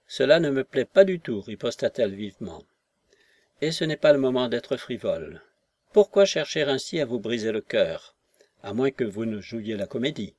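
A man's voice: medium pitch, expressive, moderate pace, a little mellow, no echo, lightly acted. A man reading an audiobook and voicing a fierce older woman revolutionary who speaks vehemently and pointedly. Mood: stern. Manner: vehement, indignant, lectures pointedly.

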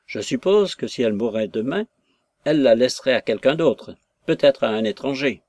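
A man playing a hot-tempered old father from a storybook, hurling indignant questions at his daughter. The voice sits at an ordinary middle pitch and is recorded dry and close. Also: lively intonation, normal speed, darkish tone, no echo, lightly acted. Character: blustering, quarrelsome old country father.

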